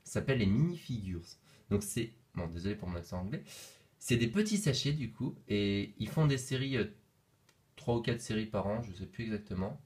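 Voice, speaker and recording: A man's voice: fairly low pitch, expressive, a little fast, a little mellow. A young man talking casually while unboxing toys on camera, playful and jokey, rambling with fillers and asides. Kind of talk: casual chat.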